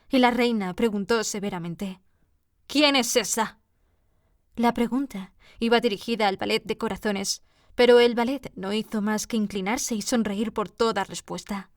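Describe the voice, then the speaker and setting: A woman narrating a classic storybook with a steady, measured reading. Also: medium pitch, dry recording, studio quality. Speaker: audiobook reader.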